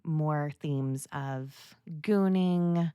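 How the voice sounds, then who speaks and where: A woman speaks as a solo podcast host, in a voice a little lower than most. She takes her time, stretching out phrases and pausing as she explains things conversationally. The sound is dry, with no room around it. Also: clear, resonant tone, no echo, dull audio.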